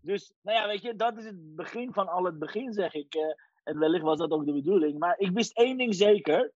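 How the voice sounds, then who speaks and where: A man in his forties from Iran, a guest telling his life story in a lively casual way, sprinkling in English phrases. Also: sits high, a little fast, dry recording. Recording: dry, dull lo-fi sound.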